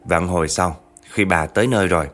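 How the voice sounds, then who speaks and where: A male storyteller with a lowish voice, telling the tale in a chatty style and turning often to his listeners. Faint music runs under his narration. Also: a little fast, fairly bright tone. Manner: chatty, addresses listeners directly. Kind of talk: narrating a true spooky family story.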